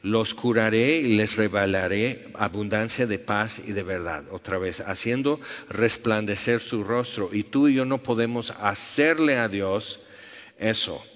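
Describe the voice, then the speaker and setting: A man's voice: fairly low pitch, unhurried, a bit bright. A man preaching a sermon, reading scripture and telling stories with sound effects. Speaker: pastor. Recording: echoey hall, dull lo-fi sound.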